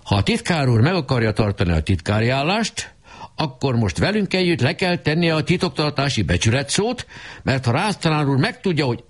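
A man's voice: mid-range voice, sing-song, pitched above the performer's own voice. A man voicing a self-important schoolboy club president who speaks in a crackling, commanding tone. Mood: pompous.

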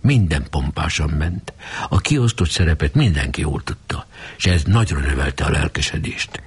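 A man reading a novel aloud with expressive storytelling. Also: very deep voice, breathy edge. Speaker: audiobook reader. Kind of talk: scripted narration.

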